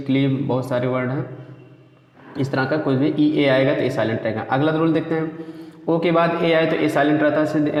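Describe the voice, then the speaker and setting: A male teacher giving a lesson, explaining step by step and repeating points, often calling his listeners friends. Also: on the high side. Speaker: English teacher. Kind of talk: spoken lesson to students. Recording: echoey room, dull lo-fi sound.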